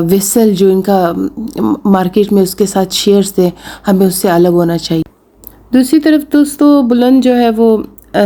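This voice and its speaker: A woman's voice: mid-range voice, dark tone. A woman casually retelling a drama episode's plot, talking to viewers as friends with frequent fillers. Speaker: episode recap narrator.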